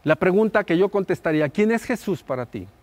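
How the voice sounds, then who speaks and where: A middle-aged man, preaching a sermon as pastor, building emphasis through repeated phrases and then dropping soft at the ends. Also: sits high, lively intonation, a little fast.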